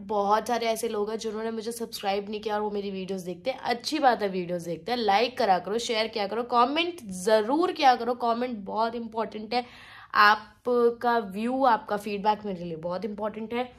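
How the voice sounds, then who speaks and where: A hoarse woman vlogger chatting casually to her viewers from home, mixing in English and pleading with them. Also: medium pitch. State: hoarse from shouting. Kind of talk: casual vlog talk to viewers.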